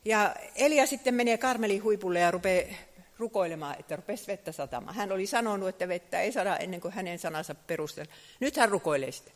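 A man preaching a sermon, telling the story in a lively way, his voice swelling loud and then dropping low. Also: in a large hall.

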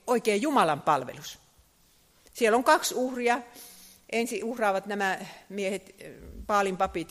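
A man preaching a sermon, telling the story in a lively way, his voice swelling loud and then dropping low. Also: in a large hall.

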